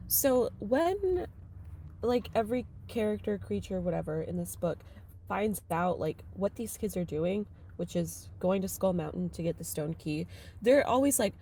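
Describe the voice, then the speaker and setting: Animated young woman chatting about a book. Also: medium pitch, a little slow, a little hiss or hum. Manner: animated, laughing often, reads passages aloud. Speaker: podcast co-host. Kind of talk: casual book discussion.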